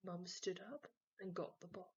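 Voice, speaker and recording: Woman reading a children's storybook, slow and gentle, low voice, dull lo-fi sound. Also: steady tone, breathy edge. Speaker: storybook reader. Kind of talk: children's story read aloud.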